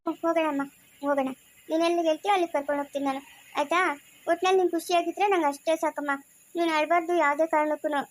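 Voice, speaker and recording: A woman's voice: very high-pitched, fairly even intonation, rapid-fire. A woman playing a loving young mother who coaxes her child with pet names, in an amateur family drama. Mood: playful. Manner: coaxing, affectionate, repeats pet names.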